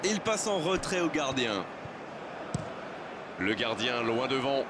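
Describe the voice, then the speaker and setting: A man playing an excitable football match commentator, calling play in short exclamatory bursts of excited sports commentary. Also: mid-range voice, slow pace, heavy background noise.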